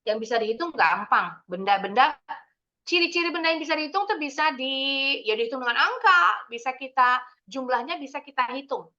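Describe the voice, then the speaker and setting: A young woman with an Indonesian accent teaches children English over a dull, lo-fi video call. Her voice sits fairly high and sounds bright and forceful. She explains in a lively, sing-song way, often asking the class quick questions. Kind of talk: online kids' English lesson.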